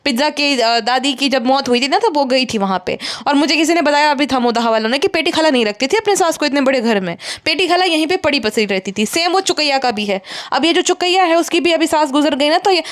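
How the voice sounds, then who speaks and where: A woman with a high voice delivering scornful, sarcastic commentary in a casual roast style. She talks straight to her viewers, picking other creators apart. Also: animated, fast talker, hardly any pauses.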